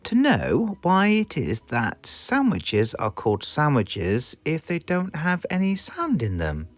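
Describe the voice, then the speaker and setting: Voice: medium pitch, huge pitch swings, slow, pitched above the performer's own voice. A British narrator voicing an endlessly curious, wide-eyed little female storybook character full of questions. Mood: eager, curious. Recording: music playing behind the voice.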